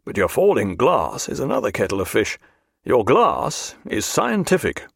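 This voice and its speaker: A man acts out a hearty naval captain in a storybook reading. He is blunt, confident and good-humoured, with old-fashioned turns of phrase. His mid-pitched voice is highly animated and closely recorded. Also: moderate pace, gravelly, breathy edge, no room sound, clean studio sound, full character voice. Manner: jovial, bluff, old-fashioned speech.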